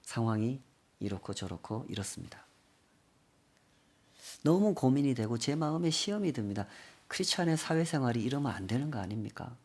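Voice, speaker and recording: A man's voice: mid-range voice, animated, a little fast, darkish tone, breathy edge. Man doing a troubled young employee, worn down, subdued, pleading tone.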